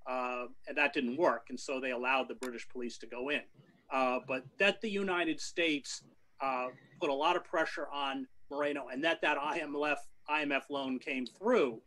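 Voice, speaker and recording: A middle-aged man answering a press question over a video call from a book-lined study, firm and measured with many fillers. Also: medium pitch, sharp tone, low-quality recording. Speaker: panelist. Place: home study with bookshelves. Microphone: video call webcam.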